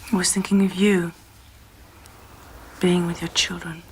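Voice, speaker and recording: An actress playing a fragile mother of a missing boy, speaking in a hushed way. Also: on the low side, unhurried, a little hiss or hum, rough recording. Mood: grieving. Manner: flat, hushed.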